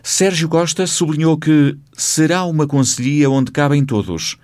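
A man with a European Portuguese accent, a radio news reporter reading a scripted report in a crisp, reportorial way. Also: fairly high pitch, a little slow, a little mellow, no room sound, studio quality.

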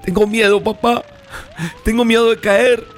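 A man's voice: sits high, level tone, moderate pace, faint music behind, pitched above the performer's own voice, lightly acted. A man voicing a frightened little boy who cries and pleads with his father. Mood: scared. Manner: crying, fearful pleading.

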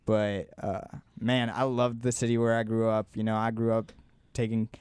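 A young man from Colombia, a guest musician, chatting easily in an interview with a smooth, resonant voice. He tells his stories loosely, full of "like" and small restarts, close to a dry mic. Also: fairly low pitch, normal speed, no echo. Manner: relaxed storytelling with many "like" fillers. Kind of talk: casual interview chat.

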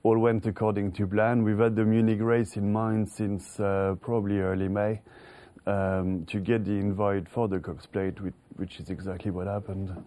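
Hesitant man from France, mellow voice. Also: lowish voice, little pitch movement, moderate pace. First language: French. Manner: hesitant, many restarts, chuckling. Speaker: racehorse trainer. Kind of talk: interview answers.

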